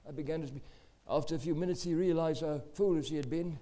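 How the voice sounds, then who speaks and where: A man giving an earnest, animated testimony in the style of a sermon. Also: a little high, fast, noisy background.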